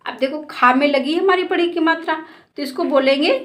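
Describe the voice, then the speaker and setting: A woman teaching a children's lesson, stretching out each word slowly in patient pronunciation drills and addressing the listener as a child. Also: high voice. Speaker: Hindi teacher.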